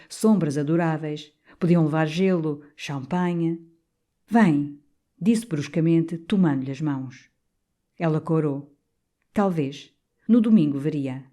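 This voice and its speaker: A woman reads a nineteenth-century novel aloud as an audiobook. Her voice sits low and mellow, and the reading is measured and expressive. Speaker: audiobook narrator. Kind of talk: literary audiobook narration.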